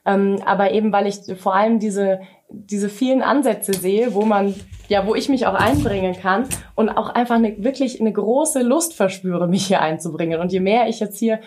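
A woman's voice: medium pitch, moderate pace, a little mellow. A woman in her thirties, a mayoral candidate, answering an interviewer's questions with many fillers and restarts.

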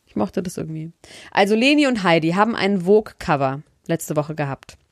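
A woman's voice: on the low side, lively intonation, a little fast, no echo, studio quality. A woman in casual gossip chat as a podcast co-host, talking colloquially and often correcting herself mid-thought. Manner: chatty, colloquial, self-correcting.

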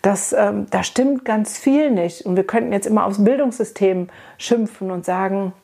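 Husky-voiced woman telling it frankly. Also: mid-range voice, moderate pace, mellow. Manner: earnest, reflective, frank; conversational, addresses listener directly. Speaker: child and adolescent psychotherapist. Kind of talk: personal storytelling talk.

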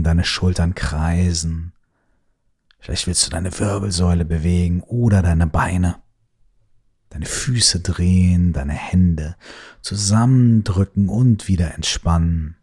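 Deep, slow, husky-voiced man guiding sleep. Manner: slow, soothing, drops to soft whispers. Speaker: meditation guide. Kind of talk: guided sleep meditation.

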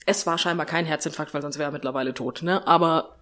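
A woman chatting casually, spinning a story with plenty of laughter. She slips into voices to act out what the other person said, and her retelling is quick and colloquial. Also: low-pitched, fairly even intonation, fairly bright tone. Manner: laughs often, acts out the other person's replies. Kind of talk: casual chat, telling an anecdote.

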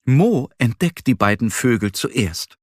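A man narrating a children's story slowly and with lively intonation, recorded close to the mic. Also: medium pitch, dry recording. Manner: slow, animated storytelling.

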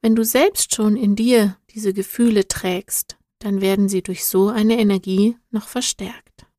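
Gentle, patient storybook mentor, voiced by a woman narrator; slow, soothing explanations. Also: medium pitch, steady tone, no echo, studio quality, natural voice. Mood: calm. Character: calm wise male guide, gentle and patient. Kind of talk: storybook reading.

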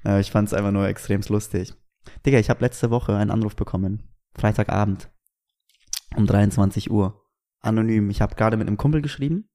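A man's voice: fairly low pitch, brisk. A young man telling stories in casual, slangy chat as a podcast co-host. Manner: slangy, animated storytelling.

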